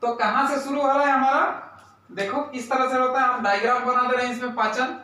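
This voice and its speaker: Speaking a little fast with a sharp tone and fairly even intonation, a very high-pitched man runs a classroom science lesson. He questions pupils, repeats terms and says "right?" often. The sound comes from a camera far off in a very echoey room.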